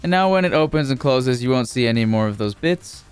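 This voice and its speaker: A man narrating a casual game building tutorial as a YouTuber, speaking informally in a steady, repetitive cadence. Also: mid-range voice, a little fast, clear, resonant tone, soft background music.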